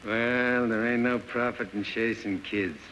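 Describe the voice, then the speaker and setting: A man's voice: mid-range voice, steady tone, measured pace, a bit bright, close to an everyday voice. An actor playing a world-weary, middle-aged beat policeman with a New York accent in 1930s film style. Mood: grumbling. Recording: muffled old film soundtrack, faint hiss.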